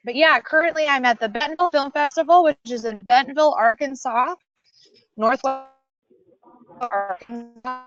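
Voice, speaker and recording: A woman's voice: sits high, moderate pace, fairly bright tone, lo-fi sound, faint music behind. A woman giving a casual, chatty live report while walking outdoors, heard over a glitchy video call that keeps breaking up. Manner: chatty, with filler words. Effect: glitchy, breaking-up video call audio. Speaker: festival correspondent. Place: outdoors on a town street, walking. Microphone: phone on a video call.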